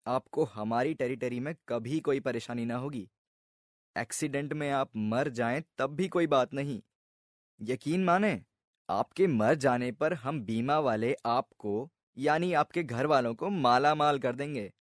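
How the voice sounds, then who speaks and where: A smooth-talking insurance officer, as a man voices him in a storybook tale, lecturing in a persuasive, reassuring way. His voice is mid-pitched for a man and plain. The recording is dry and close. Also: a little slow, dry recording, natural voice. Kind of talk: storybook voice acting.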